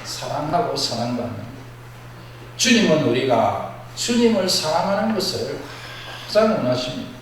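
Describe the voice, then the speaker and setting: A man preaching a sermon as a pastor with a Gyeongsang accent, plain-spoken and blunt, swinging between loud emphatic bursts and soft low asides. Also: very animated, normal speed. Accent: Gyeongsang Korean. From Gyeongsang region, South Korea. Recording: very echoey hall, mic far off, faint noise.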